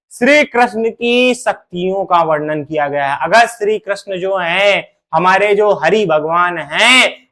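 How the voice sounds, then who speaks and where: A man teaching a poetry lesson to students, calling them "beta", asking questions and answering them himself, and chanting the verses slowly. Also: sits high, a bit bright. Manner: addresses students as "beta", asks and answers his own questions. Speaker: Hindi teacher. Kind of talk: classroom lesson explaining poetry.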